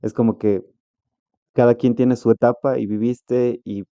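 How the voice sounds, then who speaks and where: Male interviewer, low and monotone, dark timbre, dry close sound. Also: a little slow, no room sound, lo-fi sound. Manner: rambling questions, frequent "ujú" backchannels. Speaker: interviewer, podcast host. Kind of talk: casual interview talk.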